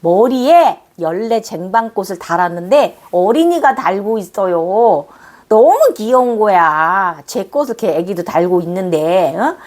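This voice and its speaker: Animated woman with lively swooping pitch. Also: a little slow. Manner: animated and exclamatory, cooing fondly; explains with gestures and repeats phrases. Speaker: spiritual channel host. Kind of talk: casual spoken account of a dream to viewers.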